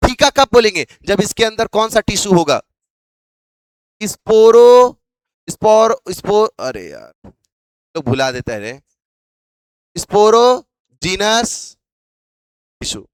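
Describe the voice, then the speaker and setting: A man's voice: high-pitched, sing-song, a little slow, pauses often, darkish tone, clear, resonant tone, no room sound. A male biology teacher lecturing a class, asking questions over and over to drill his students.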